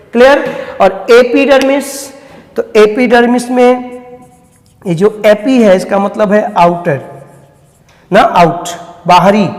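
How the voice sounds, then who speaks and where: A man teaching vocabulary at an unhurried pace. His voice sits fairly high. He asks questions and answers them himself, in an echoey room with a long reverb. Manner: repeats key words slowly. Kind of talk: vocabulary lesson.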